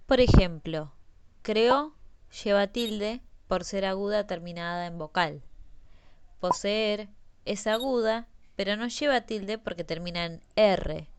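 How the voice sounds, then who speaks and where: A woman teaching a Spanish grammar lesson, explaining slowly and carefully and stressing each example word. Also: mid-range voice, clear, resonant tone.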